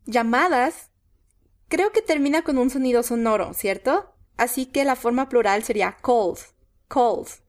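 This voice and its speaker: High-voiced woman answering lesson prompts. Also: measured pace. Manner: answers prompts, then repeats the English word. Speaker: co-host answering as student. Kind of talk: bilingual pronunciation lesson.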